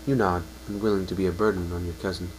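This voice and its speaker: In poor audio from a home setup with a faint hum, a man reads a second-person story dramatically, sometimes stumbling and correcting himself. He speaks fast in a low, darkish voice with fairly even intonation.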